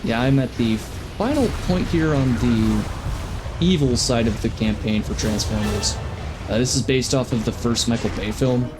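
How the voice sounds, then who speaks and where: A man's voice: mid-range voice, normal speed. A man chatting casually as a VTuber while he plays a game on a live stream, talking to his viewers. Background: game music.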